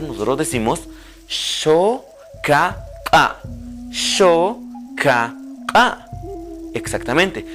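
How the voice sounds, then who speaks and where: Animated man teaching pronunciation. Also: a little high. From Guatemala. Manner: slow, carefully spelled-out pronunciation drills. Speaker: language teacher. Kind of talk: televised language lesson.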